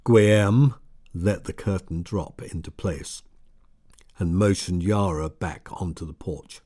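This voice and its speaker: A man reading an audiobook in a measured, steady storytelling manner. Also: sits low. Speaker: audiobook narrator. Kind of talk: scripted narration.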